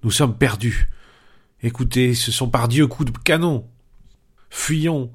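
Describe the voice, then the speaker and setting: A man's voice: mid-range voice, slow, slightly rough, pitched above the performer's own voice. A man voicing a panicking, cowardly male companion at sea, frantic and pleading in a dramatic reading. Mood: panicked.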